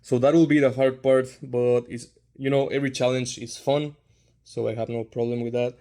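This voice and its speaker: Casual man with flat, even intonation. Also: mid-range voice, moderate pace. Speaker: hobbyist host of figure customizing videos. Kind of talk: casual vlog chat to viewers.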